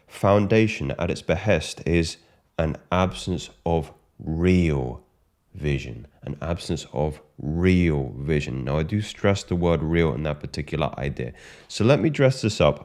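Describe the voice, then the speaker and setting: Very deep-voiced British man coaching. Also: darkish tone. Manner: measured, emphatic, repeats key phrases. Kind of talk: monologue to camera.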